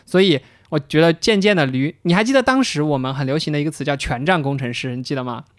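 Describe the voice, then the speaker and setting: An interaction designer co-hosting a casual podcast talks through his own path in a reflective, storytelling way, repeating some words. His voice is fairly high and he talks fast, in a dry, studio-quality recording.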